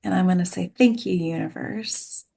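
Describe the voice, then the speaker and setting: A woman hosts an online group of actors as their acting coach, guiding them casually and encouragingly over a video call through her computer mic. Her voice is lowish, mellow, and husky, with vocal fry, at a normal speed.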